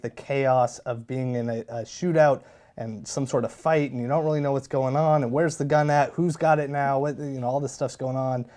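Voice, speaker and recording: A man co-hosting a movie review podcast in casual chat, animated and quick to act out scenes as he talks. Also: mid-range voice. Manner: animated, quotes scenes in lively voices.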